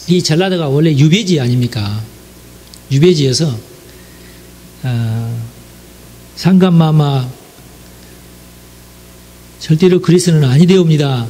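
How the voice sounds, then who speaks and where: A preacher from South Korea's Jeolla region delivers a chatty, conversational sermon, talking straight to his listeners and often dropping in affirming asides. His voice sits on the high side, with slight background noise.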